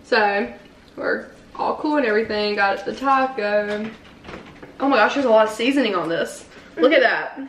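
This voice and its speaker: A woman's voice: on the high side, normal speed, fairly bright tone. Chatty young woman in an echoey room. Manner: giggly, chatty, talks while eating. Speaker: vlogger. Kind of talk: casual mukbang chat. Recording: echoey room with faint noise.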